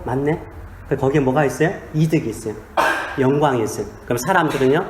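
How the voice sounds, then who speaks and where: A man's voice: mid-range voice, a little hiss or hum. A man, a pastor, preaching a sermon in a small church, with humor and questions put to the congregation. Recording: echoey church sanctuary.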